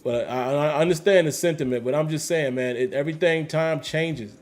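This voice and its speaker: A man's voice: fairly high pitch, fairly quick, a little mellow, faint music behind. A man hosting a casual livestream, reading chat comments aloud and answering them emphatically with slangy repetition. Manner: emphatic, repeats phrases, slangy. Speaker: host reading live chat.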